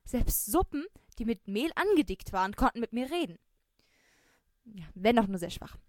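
A woman reading a first-person story aloud with expressive, lively storytelling. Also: a little high, normal speed, dry recording, clean studio sound. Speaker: narrator.

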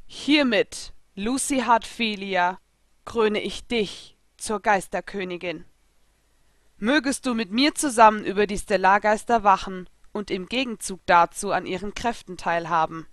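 Storybook spirit king, regal and grave, ceremonial as a woman reads him, louder than her narration, dry sound. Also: medium pitch, unhurried, dry recording, natural voice. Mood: solemn. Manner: formal, ceremonial speech.

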